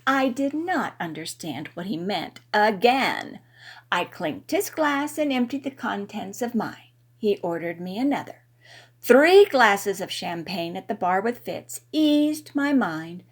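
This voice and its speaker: A woman narrating a first-person story in an expressive, playful way. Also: medium pitch, unhurried.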